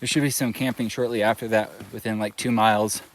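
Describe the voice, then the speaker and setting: A man's voice: fairly low pitch, quick pace. A man talking casually to his camera while hiking a mountain trail, rambling with lots of fillers, outdoors with rain and hail around him. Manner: relaxed, rambling, with many fillers. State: a little out of breath. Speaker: thru-hiker vlogger. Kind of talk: casual trail vlog narration. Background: light rain, wind and hail.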